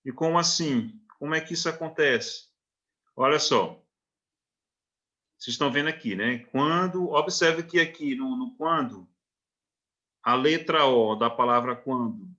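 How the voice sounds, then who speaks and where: A man's voice: mid-range voice, measured pace, bright, forceful tone, dull audio. A man with a Brazilian Portuguese accent teaching a recorded literature lesson, checking in often with short questions and reading verse lines out syllable by syllable. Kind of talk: recorded online lecture.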